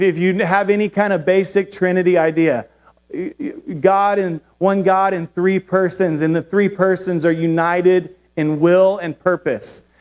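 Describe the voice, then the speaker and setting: A male pastor preaching in a relaxed, conversational way, with a somewhat high voice. He mixes in personal stories and playful self-deprecating asides. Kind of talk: sermon with personal storytelling.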